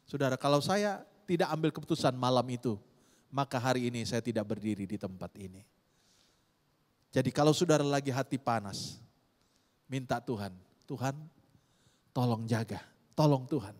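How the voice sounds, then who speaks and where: A man preaching a sermon to his congregation, swinging between loud high exclamations and soft low murmurs. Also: moderate pace, long pauses. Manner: keeps addressing the congregation as "saudara". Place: church hall. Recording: long reverb of a large hall.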